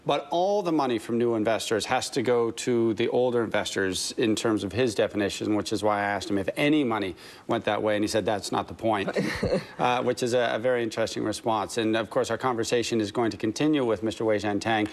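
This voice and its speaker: A man's voice: lowish voice, fairly quick. Man anchoring morning business news.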